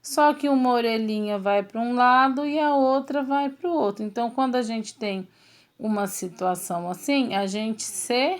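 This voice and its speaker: A schoolteacher with a Brazilian Portuguese accent records a remote lesson, patiently guiding pupils step by step through a textbook exercise and checking in often. Her voice is a little high, at a moderate pace.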